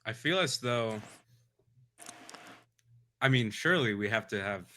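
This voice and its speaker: A man's voice: on the low side, expressive, a little slow, bright, forceful tone, a little hiss or hum. A man co-hosting a podcast in casual chat, laid-back and laughing a lot. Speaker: podcast co-host.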